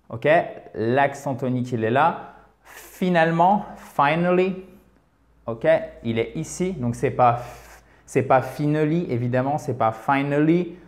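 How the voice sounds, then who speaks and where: A man's voice: medium pitch, a little mellow. A man whose first language is French, explaining English pronunciation in a video lesson, repeating his points and checking in with "ok". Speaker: English teacher.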